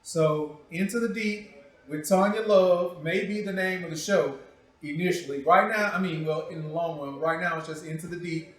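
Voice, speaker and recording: A man with a fairly high voice hosts a talk show at a moderate pace, trading profane jokes in a relaxed, teasing style. He keeps repeating himself, and the sound comes from a distant mic in a very echoey space.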